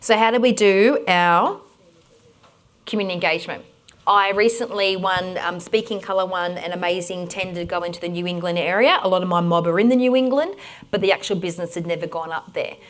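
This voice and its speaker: This Australian-accented woman speaks briskly in a fairly low voice while presenting a conference workshop. Her instructions to the audience are direct and energetic.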